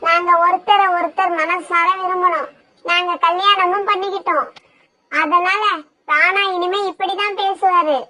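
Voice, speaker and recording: A woman's voice: very high-pitched, fairly even intonation, unhurried, bright, forceful tone, heavily acted. A woman voicing a vain, scheming female sparrow who talks in a cold, haughty, bossy way in a cartoon. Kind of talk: cartoon voice acting.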